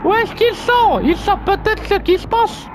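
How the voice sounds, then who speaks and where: A gamer commentating animatedly on a horror game, swearing and yelling at it in a rowdy way. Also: very high-pitched, normal speed. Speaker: let's play gamer. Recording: noticeable background noise.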